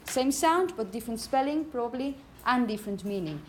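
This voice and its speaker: A woman's voice: a little high, animated, brisk, a little hiss or hum. A woman teaching a classroom pronunciation lesson, patiently correcting students and often checking "okay?".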